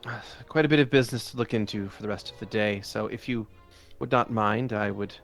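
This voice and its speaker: A man's voice: on the low side, fairly quick, fairly bright tone, faint music behind. A man voicing a genteel older noblewoman and mother of grown children, speaking in a hesitant, wistful way.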